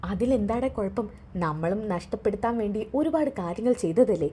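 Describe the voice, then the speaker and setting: A woman's voice: medium pitch, expressive, a little fast, dark tone, breathy edge. A woman voicing a scheming middle-aged mother who gloats and plots with her son. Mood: gloating. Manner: gloating, conspiratorial.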